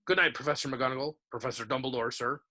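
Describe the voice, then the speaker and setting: A man reading aloud, voicing a huge soft-hearted male giant with plain, rough, earnest speech. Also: mid-range voice, fairly even intonation, fast. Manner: plain country speech, tearful.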